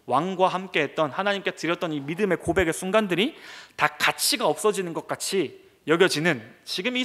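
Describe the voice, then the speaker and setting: A man's voice: a little high, a bit bright. A man preaching a midweek sermon as pastor, often acting out the pleading words of Bible figures with hesitant fillers between thoughts. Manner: acts out Bible figures' pleas in quoted speech. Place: church.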